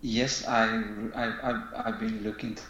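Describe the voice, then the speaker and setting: A man from Burma speaks English with a Burmese accent, hesitant and full of restarts and shy laughs. His voice sits very low. The sound is roomy and echoey. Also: little pitch movement, a little slow, fairly bright tone, lo-fi sound. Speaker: questioner. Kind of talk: casual conversation.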